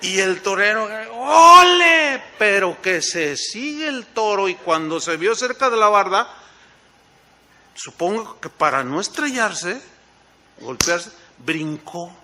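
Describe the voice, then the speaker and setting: A man preaching a sermon with a Mexican accent, telling a lively personal story and often checking in with his listeners through questions. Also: high-pitched, slow. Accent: Mexican Spanish. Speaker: pastor.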